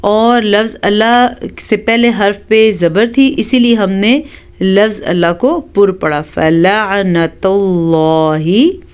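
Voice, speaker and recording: A woman teaching Quran recitation rules, explaining each one calmly and reciting words slowly and drawn out. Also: medium pitch, clean tone. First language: Urdu. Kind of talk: tajweed lesson with slow recitation.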